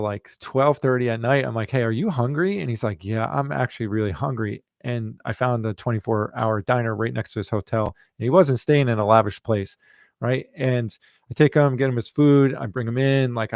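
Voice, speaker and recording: A man's voice: mid-range voice, a little mellow, dry recording, studio quality. A middle-aged man, a running coach, chatting casually and telling stories between listener questions, rambling with many fillers. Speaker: running coach and podcast host.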